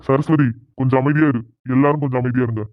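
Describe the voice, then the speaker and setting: A stern elderly grandfather from a cartoon family drama, commanding and lecturing, voiced by a woman. He talks briskly. The recording is muffled and lo-fi, with no room echo. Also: extremely low pitch, steady tone. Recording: dull lo-fi, dry.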